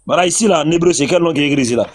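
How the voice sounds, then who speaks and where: A man's voice: a little high, racing. A man in a religious debate, insistently repeating his questions.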